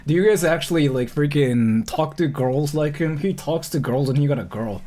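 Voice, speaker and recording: This thirty-something livestreamer has a voice on the high side with a dark tone. He offers casual chat and reaction commentary, wandering off track, stopping and starting, fixing his own sentences, and leaning heavily on filler.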